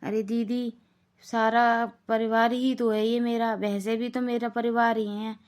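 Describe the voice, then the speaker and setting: A woman's voice: a little high, level tone, unhurried, natural voice. Lajo, a woman voicing a meek young daughter-in-law. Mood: gentle. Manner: gentle, patient, reassuring. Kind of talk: Hindi cartoon voice acting.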